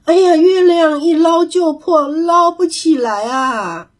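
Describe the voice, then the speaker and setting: A woman voicing an excitable little male monkey in a children's story, crying out in a high, panicky voice. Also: unhurried, slightly rough, full character voice. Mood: panicked. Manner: shrill, panicky cries.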